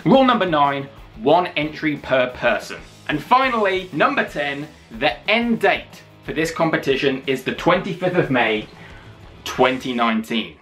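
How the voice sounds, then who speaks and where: A man in his thirties talks to camera as an excitable channel host. His fairly high voice swings up and down a great deal, landing hammy, drawn-out stresses on key words. Music plays behind him. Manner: energetic, hammy delivery with drawn-out emphatic phrases. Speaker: YouTube wrestling channel host. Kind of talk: enthusiastic vlog announcement to camera. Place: small indoor room with posters.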